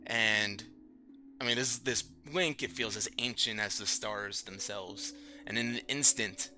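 A man narrates a tabletop fantasy game as game master. His voice is low and very bright, with soft music behind it. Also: a little slow.

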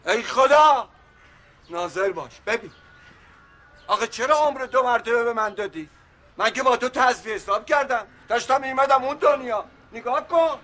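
A high, blustering comic husband. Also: male voice, pushed and bright. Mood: exasperated. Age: middle-aged. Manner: pleading and joking, then exasperated. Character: blustering middle-aged husband, just back from supposed death. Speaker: father of the family. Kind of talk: comic TV series acting.

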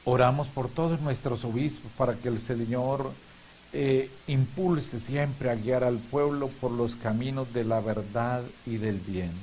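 Middle-aged priest speaking solemnly over hiss. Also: male voice, medium pitch, fairly even intonation, a little slow, darkish tone, low-quality recording. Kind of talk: homily and prayers at Mass. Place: small indoor chapel room. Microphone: lapel mic. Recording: clear background hiss.

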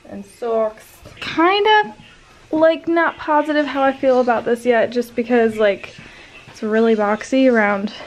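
A woman's voice: on the high side, a little hiss or hum. A woman in her twenties chatting casually and self-mockingly to her handheld camera in a hotel room. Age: 20s. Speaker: vlogger. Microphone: handheld camera at arm's length.

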